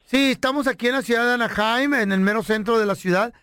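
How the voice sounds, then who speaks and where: A man's voice: very high-pitched, fast talker, sharp tone, clear, resonant tone. A man hosting a radio prank show, switching from polite salesman patter to slangy joking banter.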